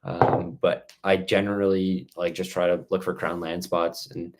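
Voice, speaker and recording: Low-voiced man rambling through a casual live chat. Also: level tone, unhurried, a little mellow. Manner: rambling, stop-start explanations. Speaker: outdoor vlogger hosting a live Q&A. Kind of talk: casual live-stream chat, reading out and answering questions.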